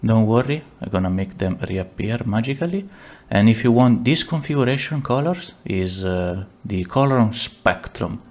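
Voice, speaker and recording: A man with an Italian accent giving a casual software tutorial, rambling and blunt, with many fillers and self-mocking asides. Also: fairly low pitch, lively intonation, normal speed. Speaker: tutorial maker. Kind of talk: casual screen-recorded tutorial.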